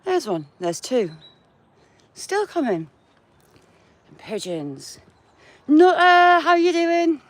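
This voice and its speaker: A woman's voice: high-pitched, expressive, slow pace, long pauses, dry recording. A woman with a northern English accent, chatting to her viewers by name while walking outdoors in the countryside. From England. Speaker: vlogger. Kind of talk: casual live-chat walk vlog.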